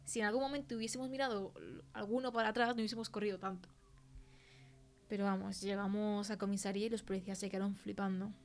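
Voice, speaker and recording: A young adult actress portrays a shaken woman on a film crew who tells something eerie in colloquial Castilian Spanish, chatty and teasing, for an audio fiction podcast's conversational interview. She comes across as uneasy and candid. Her mid-range voice moves quickly with fairly even intonation and sounds much like an everyday voice.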